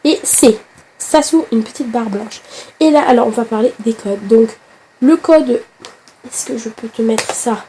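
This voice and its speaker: A woman with a hoarse voice from a flu, chatting straight to the viewer in a casual game tutorial, with hesitant fillers. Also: on the high side, measured pace, dark tone, slight background noise. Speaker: gaming tutorial host.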